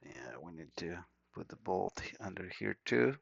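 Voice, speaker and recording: Very animated yet measured in pace, this man's gravelly voice sits low, with no room sound. A native Spanish speaker from Costa Rica with a Costa Rican accent, he thinks aloud informally while doing a hands-on electronics repair at an indoor bench. The action camera mic yields dull, lo-fi audio.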